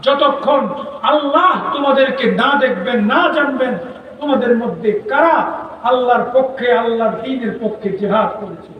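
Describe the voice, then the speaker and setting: A man from Bangladesh preaches at full intensity, his voice sitting very high as he stacks up rhetorical questions and repeated chants. He is heard from far off through a public address system. A long echo trails behind every phrase, and the sound is a little dull. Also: slight background noise. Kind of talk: fiery Bengali waz sermon. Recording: echoey distant PA, slightly dull.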